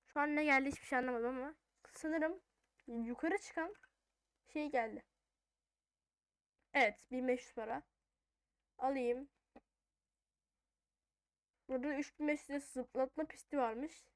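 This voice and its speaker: A woman's voice: sits high, measured pace, long pauses, dry recording, clean studio sound. A woman giving casual gameplay commentary, thinking aloud in an informal way as she plays. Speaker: gaming video host.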